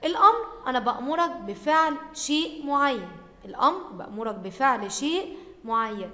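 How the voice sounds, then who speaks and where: High-pitched Egyptian teacher in an echoey room. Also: female voice, animated, bright, forceful tone. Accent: Egyptian Arabic. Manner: slow, stretched repetition of words for pupils, then quick asides. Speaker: primary school teacher. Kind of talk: recorded Arabic grammar lesson. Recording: echoey room with long reverb.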